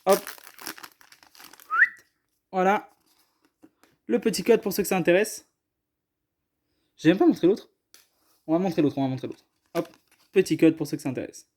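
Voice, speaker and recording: A man's voice: sits high, moderate pace, pauses often, a little mellow, a little hiss or hum. A man chatting casually as he opens trading card boxes on camera. He hesitates often and keeps apologizing. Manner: apologetic, hesitant, self-deprecating. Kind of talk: casual unboxing chat.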